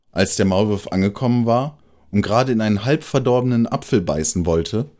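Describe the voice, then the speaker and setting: A man reading a fable aloud as narrator in an expressive, melodic way. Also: on the low side. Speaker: storyteller. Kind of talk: scripted narration of a children's fable.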